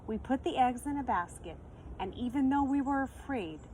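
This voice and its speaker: The storyteller is a woman whose high-sitting, slightly mellow voice has lively intonation and a moderate pace. She reads a children's picture book expressively, explaining words and asking listeners questions as a teacher would. The low-quality recording carries faint background noise.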